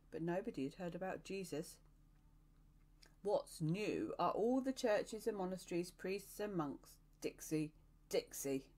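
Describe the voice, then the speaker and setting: A gently lowered, musing voice of an old male traveller steering a raft, as a woman reading a storybook puts him on. He speaks in a calm, reminiscing way.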